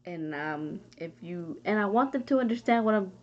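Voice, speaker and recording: A woman's voice: mid-range voice, animated, normal speed, darkish tone. A young woman from Texas giving a casual, rambling spoken answer for a class, often hunting for words and trailing off. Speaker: student. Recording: dull lo-fi home recording.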